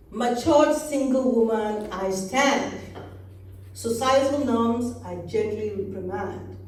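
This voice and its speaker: A woman in her forties with a Yoruba accent, a native Yoruba speaker, reading her poems in a slow, measured way. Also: a little high, mellow. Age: 40s. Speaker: poet. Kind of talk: poetry reading. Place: reading event hall. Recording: very echoey room, mic far off.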